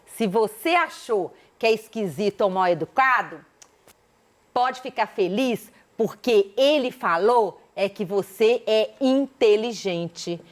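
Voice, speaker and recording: A Brazilian woman teacher giving a recorded school lesson, animated and asking the students many rhetorical questions. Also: mid-range voice, slow pace.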